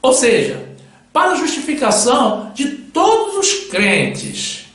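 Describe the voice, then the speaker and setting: A man's voice: extremely high pitch, wildly swooping pitch, takes it slowly, fairly bright tone. A male preacher delivering a solemn sermon with Bible readings, addressing his listeners as brothers. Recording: very echoey room.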